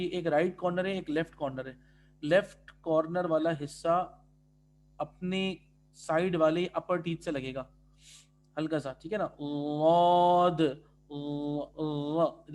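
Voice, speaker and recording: A man teaching pronunciation in an online class, stretching out individual letter sounds loudly between calmer explanations. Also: on the high side. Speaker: tajweed teacher.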